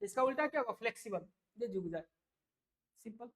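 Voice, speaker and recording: With an extremely high, lively voice that's a bit bright, a man talks fairly quickly as he tutors English vocabulary for an exam. The lesson is chatty and casual, and he keeps asking "है ना?" and saying "ठीक है" to check in with his listeners.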